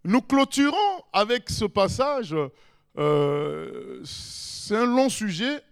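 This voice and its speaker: Brief: an animated man preaching with a high, swooping voice. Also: slow, gravelly. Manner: emphatic, animated, with sudden rises. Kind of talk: sermon.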